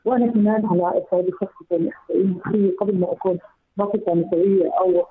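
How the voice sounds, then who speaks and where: A woman with a Palestinian accent calls in to a radio discussion, her voice coming through a headset microphone over a thin, phone-like line. She talks very quickly and earnestly, with a high voice for a speaker of her kind. The sound is husky and a little rough. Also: fairly even intonation, dry recording. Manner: fast, earnest, explanatory. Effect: phone call through a headset mic. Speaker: phone-in guest on women's rights.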